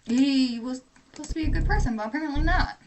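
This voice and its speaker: Higher-voiced female co-host, blunt joking reaction chat. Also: fast talker, background noise.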